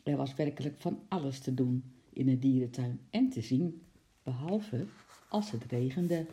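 A narrator reading a children's storybook aloud in a lively, expressive way. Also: medium pitch, a little slow.

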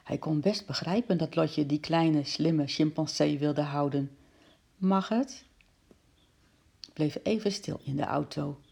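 A woman reads a children's story aloud at a steady storytelling pace. Her voice is low and gravelly, with a dark, husky tone. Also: a little slow. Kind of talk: reading a children's book aloud.

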